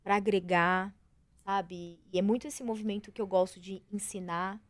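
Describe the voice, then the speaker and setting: A woman coach chatting as a podcast guest, animated and expressive, often acting out her own inner voice. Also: medium pitch, normal speed, no room sound. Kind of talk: casual interview chat.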